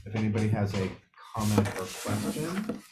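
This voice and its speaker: A man's voice: on the low side, animated, normal speed, loud music behind the voice. A man chairing a public meeting, talking in an informal and apologetic way. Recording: echoey meeting room with background noise.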